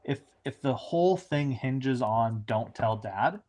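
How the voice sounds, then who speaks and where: A man's voice: mid-range voice, lively intonation, slow pace, darkish tone. A man, a showrunner, chatting casually in an interview, rambling with frequent restarts and fillers.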